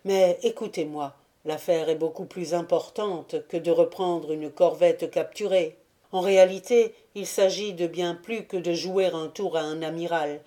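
A woman reading the lines of a stern, measured male naval officer in a storybook. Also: on the low side, fairly even intonation, mellow, lightly acted. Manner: measured, severe.

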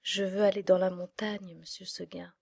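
A woman voicing a restless young female goat who gently but stubbornly insists on leaving. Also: medium pitch, level tone, normal speed, gravelly, breathy edge, dry recording, studio quality.

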